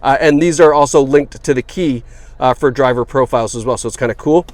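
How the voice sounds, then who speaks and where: A man's voice: mid-range voice, a little fast, dry recording. A man giving a casual, upbeat walkaround of a car for sale, chatty and full of fillers. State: has the hiccups. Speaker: car salesperson. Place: inside a car.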